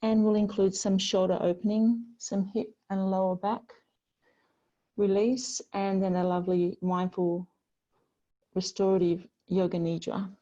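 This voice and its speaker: A woman teaching a yoga class, guiding students slowly and gently with soothing pauses. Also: medium pitch, level tone, dull audio. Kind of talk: guided yoga class instruction.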